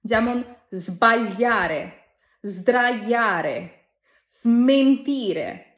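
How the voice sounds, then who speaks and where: A woman teaching Italian pronunciation in a lesson, slowly demonstrating example words and then explaining them. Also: a little high, reverberant. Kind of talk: explaining pronunciation to Bengali learners.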